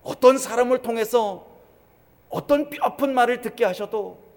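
A man preaching a sermon as pastor, swinging from loud exhortation to hushed, quiet asides. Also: extremely high pitch, moderate pace. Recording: church hall reverb.

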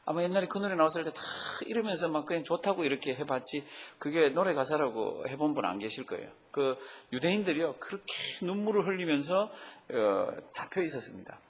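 With a fairly high pitch and a breathy edge, this male pastor preaches from the Bible and puts frequent questions to the congregation. The sound carries a long hall reverb.

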